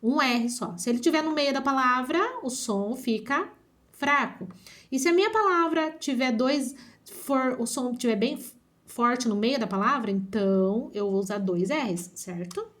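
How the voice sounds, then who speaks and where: Female schoolteacher, slightly high voice, very slow and careful phonics delivery. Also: fairly bright tone. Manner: slow, drawn-out syllables with frequent checking questions. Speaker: primary school teacher. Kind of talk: online phonics lesson.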